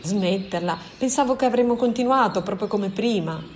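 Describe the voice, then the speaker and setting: A woman's voice: medium pitch, moderate pace, a little mellow, slight background noise, lightly acted. A woman voicing an anxious man who keeps pressing with pleading, insistent questions in a storybook reading.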